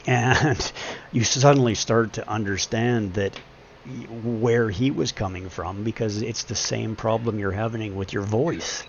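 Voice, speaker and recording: A man in his forties with a deep voice, musing earnestly and at length in a casual live-stream monologue. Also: fairly even intonation, a little slow, dull audio, slight background noise. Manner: earnest, rambling, philosophizing.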